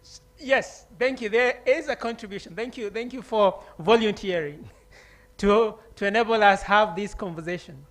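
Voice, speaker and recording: High-voiced man coaxing a conference crowd. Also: moderate pace, fairly bright tone. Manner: coaxing, encouraging the audience, many fillers. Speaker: session moderator. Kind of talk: moderating a conference panel.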